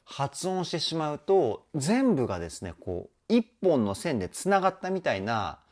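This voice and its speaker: An enthusiastic male vocal trainer analyzing a music video. His pitch rises and falls a lot as he chats. He talks in a friendly, chatty way and sometimes sings short bits to show a point. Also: big pitch swings, moderate pace, darkish tone. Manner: enthusiastic, chatty, often adds ね; sings short snippets to demonstrate.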